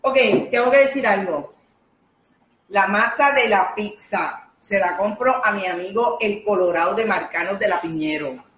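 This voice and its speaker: A woman hosting a casual radio chat, teasing her guests with quick asides and joking apologies. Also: medium pitch, fairly bright tone. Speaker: radio host. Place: station kitchen. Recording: roomy echo, faint background noise.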